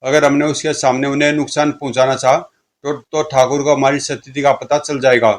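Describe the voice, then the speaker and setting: Hissing hungry ghoul chorus voiced by a man, low and menacing, comic-book horror audio story. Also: little pitch movement, brisk, close to an everyday voice. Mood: hungry, scheming. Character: bloodthirsty male ghouls of a haunted mansion.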